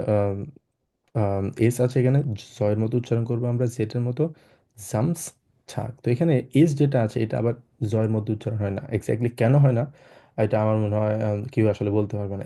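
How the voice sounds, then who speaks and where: Man, low voice, very dark tone, slightly sick, throat-clearing, patient teacher repeating words. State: unwell, clearing throat often. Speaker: German language teacher. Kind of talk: online class lesson.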